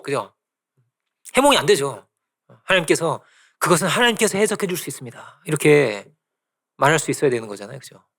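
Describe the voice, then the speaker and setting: A middle-aged man preaching a sermon as pastor, animated, often checking in with the congregation and acting out quoted voices. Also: fairly high pitch, vocal fry. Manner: animated preaching with frequent tag questions to the congregation. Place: church sanctuary.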